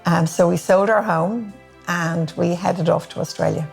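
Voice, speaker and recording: A middle-aged woman from Ireland with an Irish accent, recalling her life gently and with some hesitation in a testimony interview. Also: fairly low pitch, fairly even intonation, a little slow, gravelly, soft background music. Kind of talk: personal testimony.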